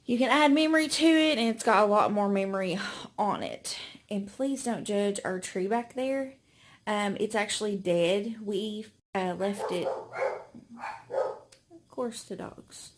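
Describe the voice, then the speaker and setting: A young woman talks slowly and unhurriedly into her phone at home. She rambles in a friendly way with lots of fillers, slightly out of breath, her voice sitting at an ordinary mid pitch. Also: slight background noise. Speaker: vlogger. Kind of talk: casual chat to camera. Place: home indoors. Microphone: phone camera.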